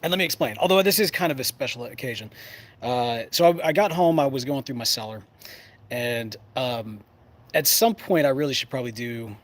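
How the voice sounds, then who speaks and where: A brisk, medium-pitched male voice belongs to a pipe smoking show host chatting casually on camera. He's playful and folksy, given to rambling and stopping mid-thought. The clip carries clear ambient background sound.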